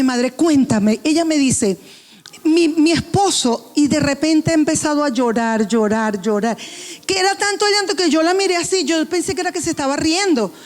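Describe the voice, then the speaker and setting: Woman pastor, high voice, passionate storytelling sermon. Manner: storytelling with quoted dialogue; emotional, passionate preaching.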